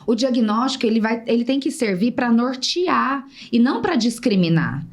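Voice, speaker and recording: Measured Brazilian woman pediatrician host. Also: a little high, lively intonation. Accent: Brazilian Portuguese. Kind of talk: podcast conversation.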